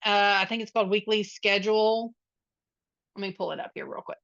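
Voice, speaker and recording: A woman's voice: medium pitch, level tone, fairly quick, a bit bright, no room sound. Chatty woman teaching over a video call. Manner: chatty and reassuring, many filler ums. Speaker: medical coding instructor. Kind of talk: live online study group session. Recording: dull, dry lo-fi video call audio.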